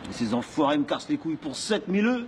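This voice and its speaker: A man's voice: a little high, big pitch swings, fast, background noise. An actor playing an exhausted small-time criminal bitterly listing his troubles. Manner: bitter, complaining monologue.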